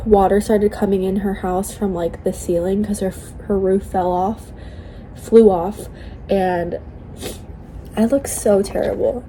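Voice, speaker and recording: A tearful woman talking casually and haltingly in an emotional, confiding personal vlog. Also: medium pitch, mellow, a little hiss or hum, low-quality recording. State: tearful, crying. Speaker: vlogger sharing a personal update.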